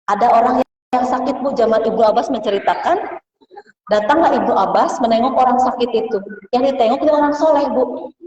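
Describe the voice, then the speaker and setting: Woman preacher, fairly high voice, long hall reverb. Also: fairly quick, lo-fi sound. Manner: addresses listeners as Bu, softens into hushed prayers. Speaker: religious teacher. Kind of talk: women's study circle sermon. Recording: echoey hall, voice from far off.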